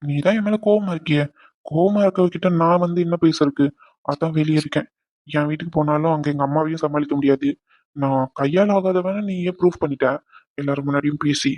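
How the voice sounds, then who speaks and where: A man voicing a hurt, remorseful young husband who talks low and earnestly to his wife. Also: steady tone, a little fast, a little mellow, dry recording, natural voice. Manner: subdued, earnest.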